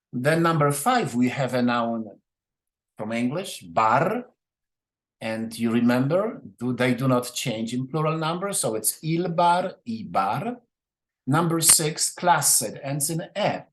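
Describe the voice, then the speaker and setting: A man teaching Italian grammar to a class in English, patiently explaining and repeating noun forms and checking in with his students. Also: medium pitch. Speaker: language teacher.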